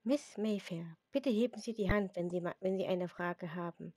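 A woman's voice: lowish voice, moderate pace, a little mellow, dry recording, close to an everyday voice. A woman voicing a sugary, strict older female teacher in a read-aloud story, speaking in a sweet, formal and controlling way. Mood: sweetly strict.

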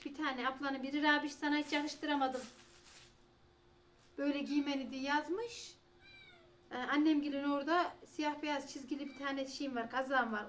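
A woman's voice: sits high, a little hiss or hum. A woman, chatting casually and rambling in a home vlog, sometimes talking to her cats. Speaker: vlogger.

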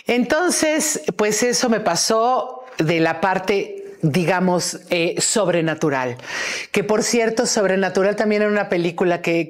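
A middle-aged Mexican woman hosting her own show, telling anecdotes in a chatty, playful way with many restarts and fillers. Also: on the low side. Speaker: host. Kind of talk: casual storytelling to her viewers.

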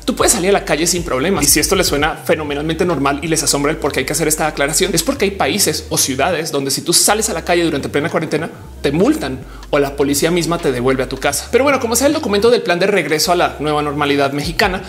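A woman in her thirties talking to camera in an informal explainer vlog, chatty and animated, with slang fillers, recorded in a small home studio. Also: deep voice. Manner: fast, animated, with lots of hand gestures. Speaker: vlogger. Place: indoor home studio with bookshelves.

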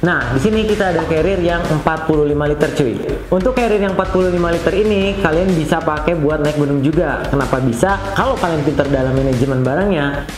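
A young man talks through a piece of gear in a casual, slangy, upbeat way. His lapel mic picks up a roomy studio echo, and background music plays clearly under him. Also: fast. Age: young adult. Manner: chatty, slangy, enthusiastic pitch. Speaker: product reviewer. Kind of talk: casual product review. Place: studio with plain blue backdrop.

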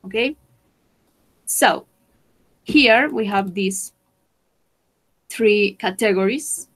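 Woman teaching english slowly, careful steady voice, asks the class lots of questions. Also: mid-range voice, low-quality recording. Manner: slow, careful, switching between English and Spanish. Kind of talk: online bilingual lesson.

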